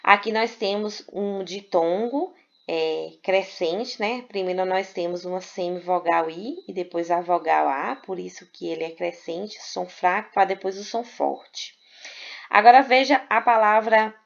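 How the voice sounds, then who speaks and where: A woman's voice: mid-range voice, unhurried, creaky. A woman teaching a grammar lesson, patiently spelling out syllables and checking in with "né?". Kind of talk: explanatory lesson. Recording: dull lo-fi recording.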